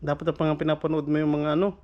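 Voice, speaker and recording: Here the father's voice sits on the high side, delivered flatly and quickly, with the highs cut off. Talking baby talk to his toddler at home late at night, the vlogger coaxes, teases, and asks the same thing over and over, laughing softly.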